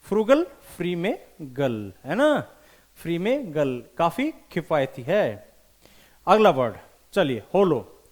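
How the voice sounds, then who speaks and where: High-pitched animated male teacher. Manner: animated, repeats words slowly for emphasis. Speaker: English teacher for competitive exams. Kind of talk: vocabulary lesson with memory tricks.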